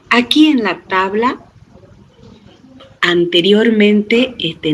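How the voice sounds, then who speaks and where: A middle-aged database teacher gives a recorded lecture, patiently explaining step by step, often checking in with students through tag questions, using "este" as a filler and frequently restarting words. His voice is high and a bit bright. The low-quality recording has slight background noise.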